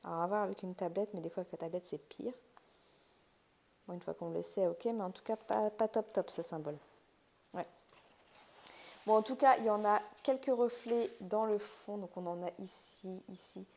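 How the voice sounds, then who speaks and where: A woman's voice: mid-range voice, moderate pace, gravelly, a little mellow. A woman hosting a crafts channel, casually talking through an unboxing and thinking aloud with many fillers and restarts.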